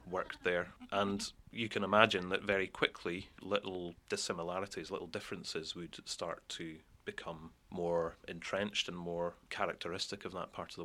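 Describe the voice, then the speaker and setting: A man with a deep, level voice explains things in a thoughtful interview. His tone is bright and forward. He keeps his delivery flat and steady, filling pauses as he thinks. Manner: thoughtful, with many "you know" fillers. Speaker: expert interviewee.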